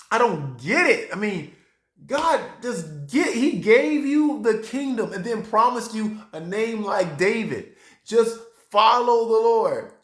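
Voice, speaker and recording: A man preaching a sermon, talking straight to his congregation, acting out reactions and breaking into high exclamations. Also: very animated, slow pace, roomy sound. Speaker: pastor.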